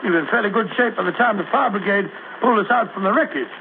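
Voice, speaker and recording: Male actor as blustering British doctor, loyal sidekick, high-pitched and hesitant, vintage radio drama. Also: racing, natural voice. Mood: genial reminiscence. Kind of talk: 1940s radio acting. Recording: noisy, tinny 1940s radio recording.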